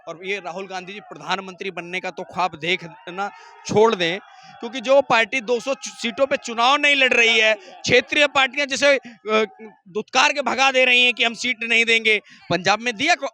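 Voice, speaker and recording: Argumentative man with a piercingly bright voice. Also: sits high. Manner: argumentative, rhetorical questions, repeats phrases for emphasis. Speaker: member of the public being interviewed. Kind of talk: street political interview.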